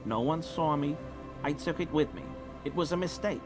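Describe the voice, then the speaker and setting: Over game music, an actor voices a nervous, ashamed male assistant in a video game, sounding apologetic and sheepish. His voice is on the high side, lightly acted, at a moderate pace.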